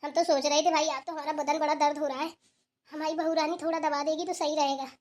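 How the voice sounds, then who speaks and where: A woman's voice: sits high, level tone, quick pace, lightly acted. A woman voicing a bossy but loving old village grandmother in a cartoon, scolding and then coaxing the family. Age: older. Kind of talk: cartoon voice acting.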